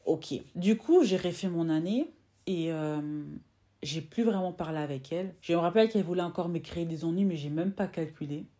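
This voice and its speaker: A young woman in her twenties tells a personal story straight to her viewers in a low, mellow voice. She slips into the voices of the people in her story and often circles back to repeat or restart a phrase. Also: moderate pace. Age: 20s. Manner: animated, acts out quoted exchanges. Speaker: vlogger. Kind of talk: casual storytime monologue.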